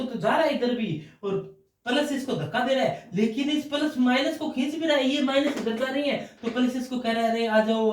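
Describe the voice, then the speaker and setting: Guy teaching chemistry, kinda high voice, echoey room, mic a bit far off. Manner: explains step by step, asks and answers his own questions. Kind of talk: classroom lecture. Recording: roomy echo, voice from off mic.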